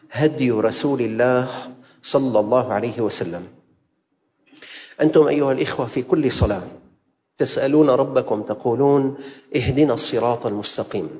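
A male preacher delivers a Friday sermon in a mosque, in a voice of middle pitch. His measured delivery slows for recited verses and builds through repeated rhetorical phrases. The sound is dull and carries a long hall reverb. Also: a little mellow. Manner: rhetorical repetition and questions.

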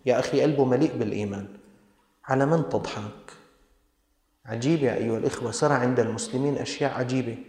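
A man's voice: medium pitch, fast, pauses often, darkish tone. A man with a Levantine Arabic accent preaching a sermon, scolding his listeners with pointed rhetorical questions. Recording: echoey hall.

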